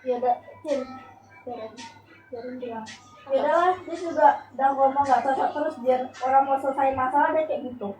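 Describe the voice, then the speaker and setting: A young Indonesian woman helping a live seller, brisk as she answers about payments. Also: high voice, darkish tone, faint music behind. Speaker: seller's helper. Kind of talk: casual chat. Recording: echoey room with faint noise.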